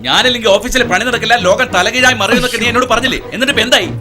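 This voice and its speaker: A blustering, arrogant police commissioner. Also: male voice, very high-pitched, rapid-fire, bright, forceful tone, faint music behind, heavily acted. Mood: scornful. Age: middle-aged. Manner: blustering, scornful, domineering. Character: arrogant hot-tempered middle-aged police commissioner father. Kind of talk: dubbed film acting.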